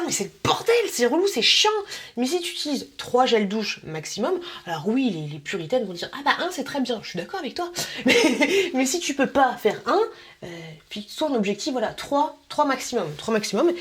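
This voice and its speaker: Chatty woman, lots of laughter. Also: slightly rough. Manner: chatty, laughing, slangy, mimics people with sudden high voices. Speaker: vlogger. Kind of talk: casual chat to camera.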